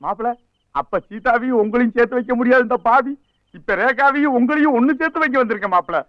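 Whiny old relative. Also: male voice, very high voice, fast, no room sound. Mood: pleading. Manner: pleading, whiny. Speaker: old relative in a film scene. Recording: dull lo-fi film soundtrack.

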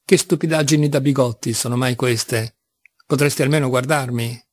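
A man's voice: medium pitch, steady tone, normal speed, no room sound, natural voice. A man reading as a sarcastic young seminarian. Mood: mocking. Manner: teasing, sarcastic, by turns astonished. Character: mocking young male seminarian, ironic and pushy. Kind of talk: audiobook reading of a classic novel.

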